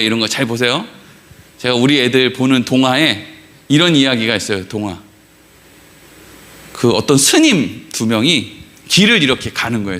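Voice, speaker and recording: A middle-aged pastor preaches in a church with a high, bright voice. He tells stories with energy, acts out his characters' lines and keeps asking the congregation questions. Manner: animated storyteller, acting out dialogue and asking the congregation questions. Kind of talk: Wednesday sermon with storytelling. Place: church sanctuary.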